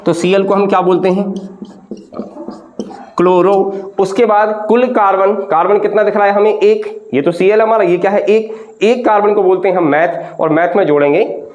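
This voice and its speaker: A man's voice: high-pitched, moderate pace, darkish tone, muffled recording. A man teaching a chemistry lesson to students, patient, often asking questions back and repeating the answers. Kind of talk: classroom lecture.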